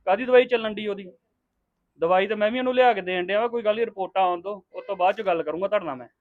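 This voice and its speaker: A man's voice: high voice, racing, lightly acted. A man acting a husband in a family drama, sternly lecturing his mother-in-law. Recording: tinny phone-like sound.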